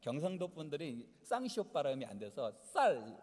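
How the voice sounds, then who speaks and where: A male pastor preaches a Sunday sermon, posing one rhetorical question after another. His voice sits a little high and swings widely up and down. It rings with the long reverb of a church hall. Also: sing-song, moderate pace, a little mellow. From Chungcheong, South Korea. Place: church sanctuary.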